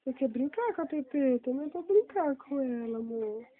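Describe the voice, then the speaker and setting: A woman's voice: sits high, expressive, a little fast, narrow, tinny audio. A Brazilian mother cooing in singsong baby talk, playing peekaboo at home late at night and recorded on a phone. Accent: Brazilian Portuguese. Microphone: phone held close.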